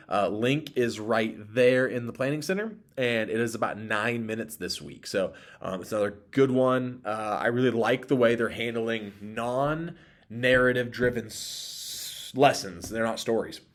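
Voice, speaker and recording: A man's voice: medium pitch, a little slow. A young man leading a children's ministry, casually briefing volunteers on the week's plan with lots of ums. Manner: relaxed, rambling with frequent ums. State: allergies, may sneeze.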